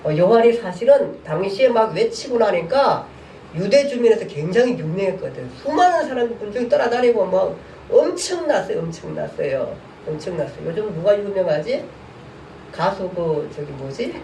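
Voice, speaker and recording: A man's voice: high voice, big pitch swings, normal speed, vocal fry, dark tone. A male pastor leads a Bible lesson in an easy, talky manner and keeps turning questions back to the class. His voice rings through an echoey church room and reaches the mic from a distance, with faint ambient noise behind it. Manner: colloquial, asks the class questions. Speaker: pastor teaching a Bible course. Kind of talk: casual Bible class lecture.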